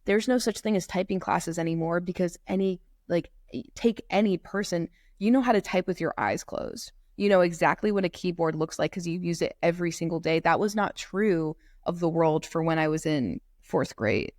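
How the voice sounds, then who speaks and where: Her voice is lowish and a little mellow, moving at a normal pace with hardly any pauses, captured at studio quality without room sound. She's a law student in her twenties from North Carolina, USA, speaking casually as a podcast guest through a computer mic on a remote call, with many "like" fillers.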